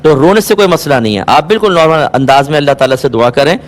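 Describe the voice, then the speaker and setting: A man answering viewers' religious questions on a call-in show, calm and explanatory, asking listeners to check they follow. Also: fairly high pitch. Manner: calm, explanatory, patient advice; asks rhetorical checks, occasionally amused.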